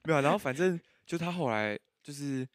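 A man telling his own stories as a podcast guest, animated and laughing often, acting out what others said. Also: on the high side, a little fast, no echo, clean studio sound. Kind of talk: casual storytelling chat.

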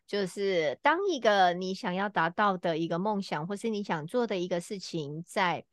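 A middle-aged woman co-hosting a casual podcast, telling a personal story with frequent filler pauses. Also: on the low side, lively intonation, no echo, clean studio sound. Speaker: podcast co-host.

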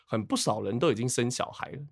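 A man in his thirties with a Taiwanese Mandarin accent, chatting on a podcast, telling a story with animated, laughing delivery. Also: quick pace, creaky, no echo, clean studio sound. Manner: animated storytelling, acts out quotes in a high squeaky voice, laughs often. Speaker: podcast co-host. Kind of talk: casual chat.

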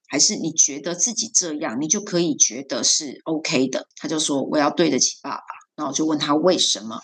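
Woman, husky, lowish voice, storytelling podcast guest. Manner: recounts dialogue, acting out quoted lines. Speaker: guest coach and homeroom teacher.

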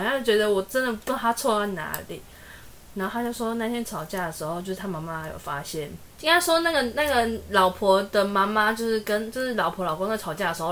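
A woman's voice: mid-range voice, a bit bright, slight background noise. A woman, co-hosting a casual podcast chat and retelling a story with acted-out quotes. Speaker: podcast co-host.

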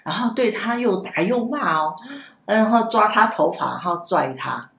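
A woman telling a personal story in a casual podcast chat, halting and repeating words as she goes. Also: medium pitch, expressive, gravelly, fairly bright tone. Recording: roomy echo, faint background hiss.

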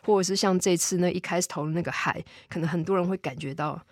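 A woman's voice: lowish voice, fast, a little mellow, no echo, studio quality. A woman with a Taiwanese Mandarin accent speaking casually as an interview guest, explaining things step by step and often circling back over her words. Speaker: film and VR director, podcast guest.

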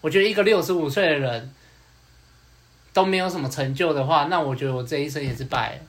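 Animated man. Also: a little high, quick pace. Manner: animated, repeats words, acts out what others said. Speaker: podcast host. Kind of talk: casual storytelling.

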